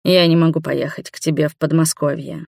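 A reader voicing an earnest older man, just out of hospital, pleading softly. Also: on the high side, flat delivery, fairly quick, creaky, no echo, clean studio sound. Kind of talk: audiobook dialogue.

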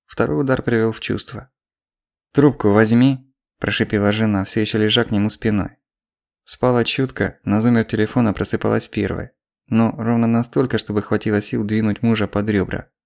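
Gravelly low-voiced male narrator. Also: darkish tone. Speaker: audiobook narrator. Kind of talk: scripted narration.

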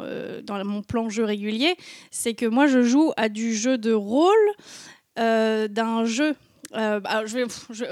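A young adult woman with a slightly high voice, recorded dry in studio quality, sits on a panel as a gamer guest. She talks frankly and casually about her gaming and laughs at herself.

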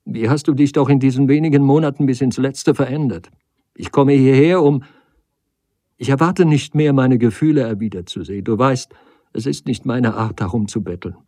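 A man's voice: mid-range voice, normal speed, warm tone, no echo, studio quality, voice pushed up, lightly acted. A man reading the part of a desperate woman who weeps, pleads and reproaches her lover. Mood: pleading. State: crying.

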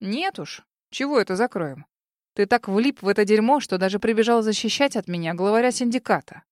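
A woman reading an audiobook, voicing a gruff, blunt male police commissioner who scolds an old friend. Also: mid-range voice, expressive, fairly quick, darkish tone, dry recording, studio quality, close to an everyday voice. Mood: gruff scolding.

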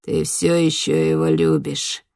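A woman voicing an evil wish-granting spirit disguised as a young man, gentle and creepy one moment, snarling the next. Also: sits low, big pitch swings, a little slow, gravelly, no room sound, clean studio sound, pitched below the performer's own voice, heavily acted. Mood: soft menace. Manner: soft and eerily gentle, then snarling. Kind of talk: audiobook character voice.

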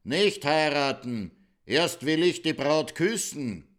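A man voicing a brash, crude, reckless king who barks slow, emphatic commands. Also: mid-range voice, fairly bright tone, natural voice. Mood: bossy.

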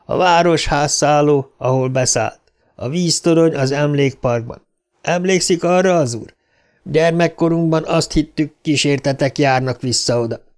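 A man's voice: a little high, darkish tone, clean tone, lightly acted. A man voicing a chatty, coarse middle-aged taxi driver in an audiobook, folksy and fond of repeating a pet phrase.

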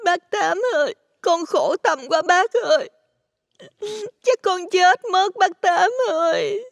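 A man's voice: extremely high pitch, takes it slowly, creaky, fairly bright tone, dry recording, studio quality, voice pushed up, exaggerated voice. A man voicing a spiteful young village woman, speaking in a whiny, fake-crying storytelling voice. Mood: fake sobbing. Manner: fake sobbing, whiny and pleading.

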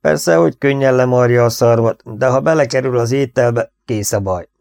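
A man's voice: medium pitch, gravelly, a little mellow, no room sound, pitched above the performer's own voice, lightly acted. A man voicing a curt, commanding vet boss. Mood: brisk, commanding.

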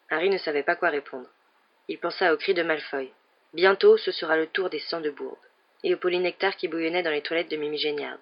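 A man reads a storybook aloud with a slightly high voice. The recording is dull and lo-fi, without much top end. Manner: reads all the characters with raised pitch for quoted lines. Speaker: audiobook reader. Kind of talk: scripted narration.

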